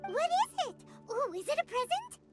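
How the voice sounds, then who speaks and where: A woman voicing a tiny, excitable fairy-like companion girl who talks about herself in the third person. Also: extremely high pitch, moderate pace, loud music behind the voice. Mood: eager. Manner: excitable, chatty. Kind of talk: game voice acting. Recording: game soundtrack behind.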